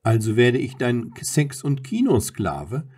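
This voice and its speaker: A man's voice: medium pitch, very animated, takes it slowly, a little mellow. Man reading a curious, joking husband for an audiobook. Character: cheerful curious young husband.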